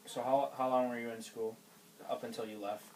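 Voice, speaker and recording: A man's voice: mid-range voice, steady tone, brisk, a little mellow. A man asking questions as the interviewer in a casual interview. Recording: distant mic with faint noise.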